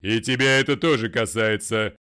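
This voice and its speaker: Brief: man voicing a booming, commanding older lawyer, deliberate, smooth and resonant tone. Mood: stern. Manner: loud, commanding, slow and deliberate. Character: stern, domineering older male lawyer, a father. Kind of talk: audiobook character voice.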